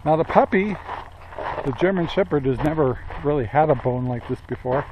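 This homestead vlogger, an older man from Central Oregon, talks to his handheld camera at arm's length around his rural property and garage. He speaks at normal speed in a slightly high voice, rambling with fillers and chuckles, while the audio has its highs cut off and a noisy background.

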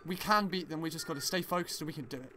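A man's voice: a little high, racing, pushed and bright. A man speaking plainly and upbeat through a tinny, tin-can sounding mic, as a team player introducing the match. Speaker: team player and channel host. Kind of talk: casual intro and team callouts. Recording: tinny dry mic with game music.

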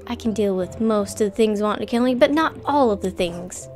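A woman's voice: medium pitch, brisk, darkish tone, faint music behind. A woman casually commentating her gameplay, chatty and playful, talking to herself and to the game. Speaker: gameplay streamer. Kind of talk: casual let's-play commentary.

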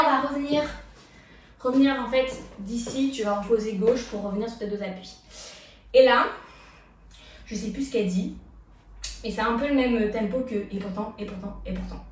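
A woman's voice: on the high side, slight background noise. A young woman teaching a street jazz dance routine, counting beats and making sound effects for the moves. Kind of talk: dance tutorial instruction. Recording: echoey room, voice from far off.

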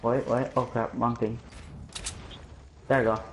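A man making quick, repeated callouts to his squad in casual game chat. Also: mid-range voice, level tone, a little hiss or hum, rough recording. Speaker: gamer in voice chat.

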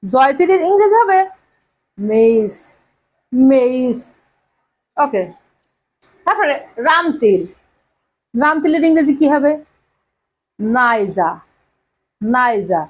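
A woman's voice: sits high, sing-song, slow pace, long pauses. A woman from Bangladesh teaching vocabulary to her students, repeating each word and quizzing them as she goes. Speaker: English teacher. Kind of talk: vocabulary lesson addressing students.

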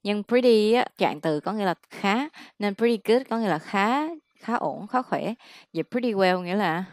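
A woman, tutoring English casually, explaining slowly and repeating words for practice. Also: mid-range voice, lively intonation, no echo. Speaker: English teacher.

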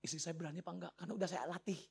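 A man giving a guest lecture to students, telling stories and acting out the dialogue in a lively way. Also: a little high, racing, vocal fry, husky. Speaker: guest speaker. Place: lecture hall.

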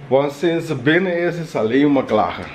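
A man's voice: fairly high pitch, expressive, a little fast, slight background noise. A man, chatting casually to a handheld camera as he vlogs. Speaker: vlogger. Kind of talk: casual vlog chat to camera. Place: at home indoors, rooms with hard floors and walls. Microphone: handheld camera at arm's length.

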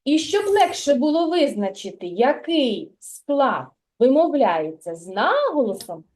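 A woman's voice: sits high, a little mellow. A woman teaching a reading lesson to young children in a kindergarten classroom, drawing out and sing-songing words as she questions and corrects them. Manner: slow, drawn-out, sing-song repetition of words.

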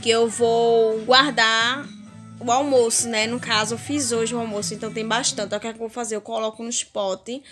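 Bright-voiced young Brazilian woman vlogging. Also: a little high, level tone, a little fast, soft background music. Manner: chatty, keeps addressing viewers warmly with diminutives. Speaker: home vlogger. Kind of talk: casual home vlog. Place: small home, indoors. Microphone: phone at arm's length.

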